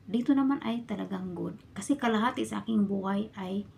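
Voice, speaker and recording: A woman from the Philippines talks to her viewers in a casual storytelling vlog, recorded in a bedroom. Her voice is deeply gravelly with constant fry, and her tone stays dark and mellow. She keeps sinking into a soft, hushed whisper. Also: a little fast, a little hiss or hum. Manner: often drops into a hushed whisper. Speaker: vlogger and domestic worker abroad. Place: a bedroom in her employer's home.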